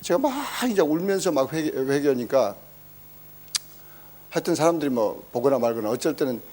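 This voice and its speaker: A man preaching a sermon, telling a story with animated exclamations and acting out quoted speech. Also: medium pitch, normal speed. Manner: emphatic exclamations. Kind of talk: sermon testimony.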